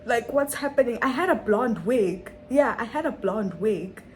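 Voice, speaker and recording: A woman's voice: fairly high pitch, expressive, normal speed, darkish tone, slight background noise, rough recording. A young woman telling a dramatic story on her vlog, full of rhetorical questions and repetition. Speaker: vlogger.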